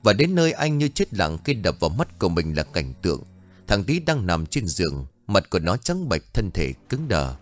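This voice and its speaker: A man narrating a horror story in a steady, dramatic storytelling manner. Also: sits low, moderate pace, faint music behind.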